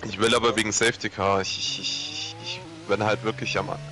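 A young man in casual gaming chat, haltingly repeating words as he thinks aloud. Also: lowish voice, level tone, poor audio. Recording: voice chat over loud car-game noise.

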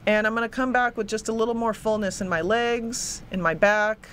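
A woman's voice: on the high side, moderate pace, a little hiss or hum. Earnest young woman guest. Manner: earnest, eager, repeats words when excited. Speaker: fitness coach and guest. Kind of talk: studio interview, casual. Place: small studio set with a city backdrop. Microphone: desk microphone on a stand.

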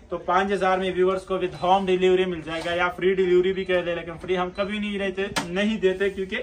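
Young guy doing a shop demo, kinda high voice, salesy, says theek hai constantly, faint hum behind. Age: young adult. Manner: salesy, says "theek hai" after nearly every point. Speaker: shop seller demonstrating products. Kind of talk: casual product demo. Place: indoor electronics shop storeroom.

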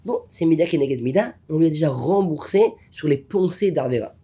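A man teaching a Torah lesson as a rabbi, an animated storyteller who drops to whispers and rises to exclamations. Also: on the high side, brisk, slightly rough.

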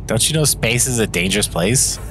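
Low-voiced guy ribbing his friends while gaming, voice swinging up and down a lot. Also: fairly bright tone, a little hiss or hum. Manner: teasing, joking, mock threats. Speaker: gamer. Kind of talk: casual gaming banter over voice chat.

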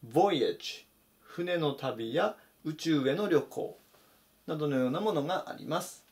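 Casting: male English teacher, slightly high voice with a lot of pitch movement, methodical lesson delivery. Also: lively intonation, moderate pace, a little mellow. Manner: methodical, stresses pronunciation points. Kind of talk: explanatory vocabulary lesson.

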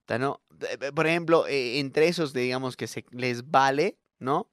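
A man's voice: medium pitch, moderate pace, a bit bright, no echo, studio quality. A man, a radio host, telling a casual comic monologue with many fillers and tag questions. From Bolivia.

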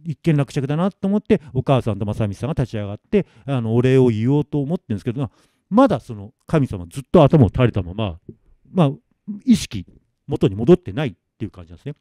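A male storyteller tells a ghost story live, hushed and dramatic, acting out each character in turn. His pitch swings widely, his tone is mellow, and the sound is close and dry. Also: very animated, fast talker, dry recording. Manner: hushed, dramatic, acts out every voice.

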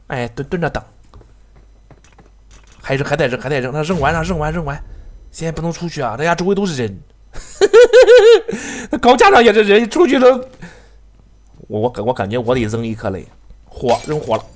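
A man giving excitable, profanity-laced live commentary on his own game, laughing and talking to his teammates. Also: on the high side, fairly quick, long pauses. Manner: excitable, swears often, laughs, talks to teammates. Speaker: game streamer.

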